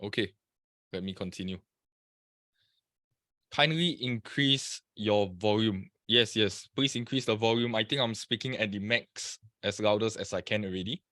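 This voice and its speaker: A man's voice: fairly low pitch, moderate pace, pushed and bright, dry recording, clean studio sound. A man from Singapore presenting a live trading webinar, chatting and greeting viewers by name over a computer mic.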